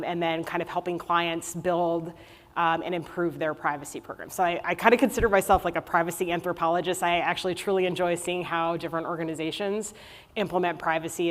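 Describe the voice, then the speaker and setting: A woman speaking on a conference panel in a conversational way with many fillers. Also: lowish voice. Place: conference luncheon hall. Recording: reverberant hall.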